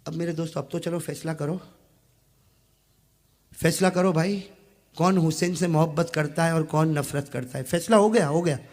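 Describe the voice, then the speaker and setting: A man from Gujarat preaching an emotional sermon, swinging from quiet talk to impassioned shouting and urging the crowd to answer back. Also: on the high side, moderate pace, long pauses. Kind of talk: emotional sermon to a live gathering. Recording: long reverb from a large hall.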